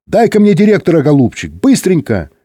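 Male reader playing a high, pushy, indignant radio caller. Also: huge pitch swings, normal speed, warm tone, breathy edge, no room sound, heavily acted. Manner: pushy, offended. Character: excited, impatient man on the radio.

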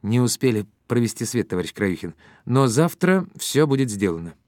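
A man's voice: medium pitch, sing-song, moderate pace, darkish tone, dry recording, clean studio sound, lightly acted. A man reading an audiobook voices a cheerful male mechanic in overalls who talks in an eager, upbeat way.

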